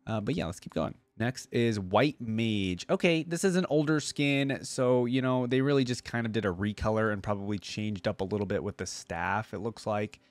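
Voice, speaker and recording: A reaction video creator, a man of around thirty, gives casual, chatty commentary and thinks aloud into a close desk microphone with a headset. His voice is on the low side and moves at a moderate pace with hardly any pauses. There is no room sound.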